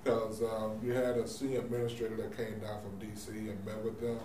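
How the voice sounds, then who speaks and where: A man with a fairly low voice explains things in an informal, folksy way at a board meeting. He sounds distant, with room echo and clear background noise. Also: level tone, a little fast, dark tone. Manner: folksy, uses y'all and frequent 'you know'. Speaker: housing authority official presenting.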